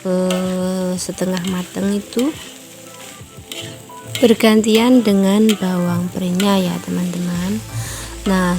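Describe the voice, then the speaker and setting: A woman talks slowly and warmly through a cooking demonstration in her home kitchen. Her voice is dark and mellow, and she keeps turning to her viewers as friends. Faint music drifts in from somewhere outside. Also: mid-range voice. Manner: chatty, addresses viewers as friends often; apologetic, explanatory asides. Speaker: home cooking channel host. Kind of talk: casual cooking tutorial. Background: distant loud music from a rehearsal.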